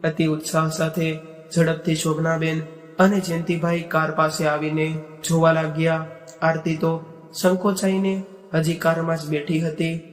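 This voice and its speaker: Flat-voiced man narrating in an echoey room. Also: on the high side, unhurried. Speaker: storyteller. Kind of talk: moral story narration. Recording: echoey, reverberant room with faint music. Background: faint background music.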